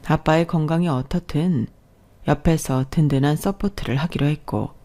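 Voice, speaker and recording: A woman reading a first-person story aloud in an even, confiding tone. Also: low-pitched.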